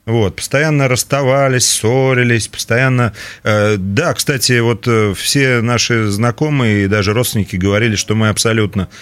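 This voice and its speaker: A man speaking as a studio guest, telling a personal story casually with a hesitant, halting delivery. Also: medium pitch, steady tone, fairly bright tone, smooth. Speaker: interview guest, marriage course leader. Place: radio studio.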